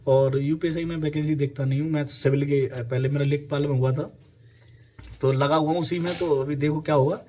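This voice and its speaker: A man's voice: a little high, steady tone, brisk, a little mellow. Casual young man giving exam advice. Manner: informal, repetitive fillers, addresses listeners as companions. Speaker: exam prep advisor.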